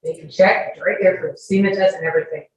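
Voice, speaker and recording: In distant, echoey courtroom audio with faint background noise, a female witness answers questions emphatically and defensively. She speaks fast, in a fairly low, steady tone.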